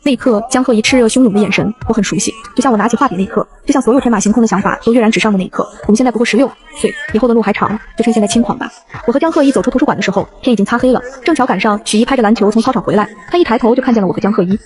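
A woman narrating a web novel in the first person, with a brisk, steady reading. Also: on the high side. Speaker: story narrator.

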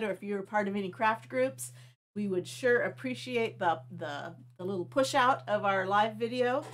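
Speaking in a slightly bright voice on the high side, a middle-aged craft show host presents a live demo from her craft room at home. She is friendly and chatty, rambling and restarting, and her allergies leave her with a stuffy nose and constant sniffles.

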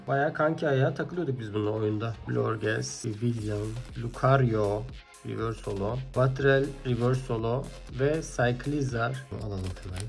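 A man hosting a card-opening video, chatting casually, reading card names under his breath and bursting into loud excitement at good pulls. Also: mid-range voice. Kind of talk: casual pack-opening commentary.

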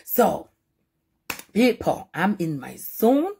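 A playful woman talks to her viewers in a slow, drawn-out way, her pitch swooping up and down. Her voice is a little breathy, and she breaks out in loud laughs and shouts. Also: sing-song. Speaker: mukbang vlogger. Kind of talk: casual chat to camera.

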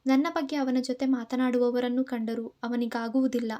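A woman's voice: a little high, level tone, normal speed, mellow, close to an everyday voice. A woman voicing a grieving older mother estranged from her son, speaking in a tearful, pleading way.

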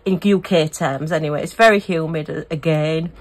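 A woman's voice: low voice, moderate pace. A middle-aged woman from the UK, chatting casually and gushing as she unboxes and reviews craft kits. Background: a small fan humming.

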